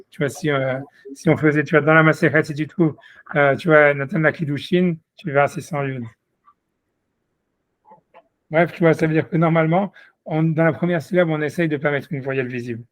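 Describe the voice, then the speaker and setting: A man with a somewhat high voice explains a text to a single student. He leans on "tu vois", repeats himself and restarts as he searches for the words. The sound is dry and close, with no room echo. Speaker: Talmud teacher. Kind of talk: one-on-one study session.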